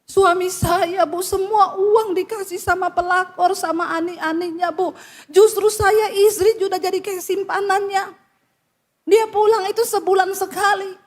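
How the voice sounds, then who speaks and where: Woman pastor, very high voice, lively scolding sermon delivery, drops low when quoting others. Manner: animated preaching, often dropping low to voice quoted people; blunt, scolding address to the listeners.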